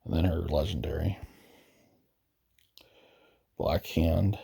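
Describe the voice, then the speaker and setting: A man's voice: rumbling low, steady tone, slow, creaky, dark tone, husky. A man giving casual, rambling commentary while browsing a video game roster, hesitant and often correcting himself, losing his voice. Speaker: gaming video host.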